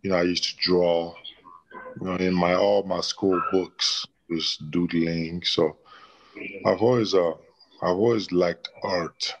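A middle-aged man from the DR Congo, a painter and former basketball player, answers interview questions thoughtfully in a small, plain indoor room, restarting often. His voice sits low with fairly even intonation and a slow pace. The recording is rough, with a little hiss or hum.

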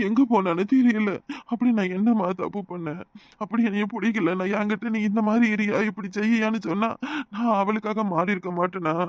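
A distraught grown village son from a cartoon, voiced by a man, pleading with a Tirunelveli Tamil accent. His voice is rather high for a man, and the recording is close and dry. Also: dry recording, natural voice. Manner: pleading, despairing.

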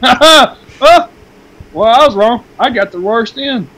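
A man's voice: very high-pitched, expressive, slow, bright, forceful tone, poor audio. A man co-playing a let's play, firing off crude, goofy running gags at his friend. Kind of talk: casual gaming banter.

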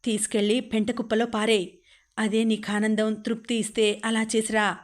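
A woman's voice: a little high, level tone, normal speed, natural voice. A woman voicing Radha, a grief-stricken young mother who pleads through tears. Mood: anguished. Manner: pleading, tearful. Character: young woman, new mother, anguished and defiant.

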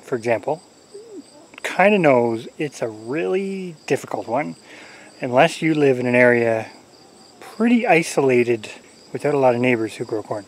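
Out in the corn garden, a homesteading vlogger in his forties addresses a handheld camera at normal speed in a mid-range voice. He's laid-back and rambling, chuckling and using many fillers, while the camera-mounted mic at arm's length catches faint crickets and other insects.

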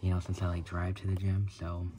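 Talking in a low monotone and fairly quickly, a young man in his twenties vlogs casually as he sets up his home gym. He wanders through the chat with plenty of fillers and cursing. The small indoor space has colored lights, and clicks and room noise come through clearly.

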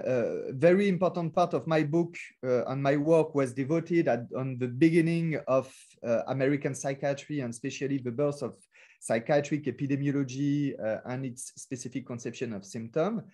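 A man's voice: mid-range voice, darkish tone. A man with a French accent, a philosopher speaking in an academic webinar, with many hesitations and fillers and careful non-native English phrasing. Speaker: lecturer. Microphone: video call.

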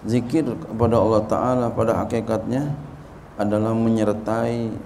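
A middle-aged Indonesian-accented man preaches in a slow, repeating rhythm, dropping into soft chanted prayers. His voice has a rough, gravelly edge. The recording carries a steady noisy hiss. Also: lowish voice. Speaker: Islamic preacher teaching a religious text. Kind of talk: religious study sermon.

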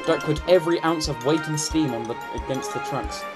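A man from the United Kingdom narrating a children's storybook in an animated, expressive way. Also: on the high side, brisk. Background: background music.

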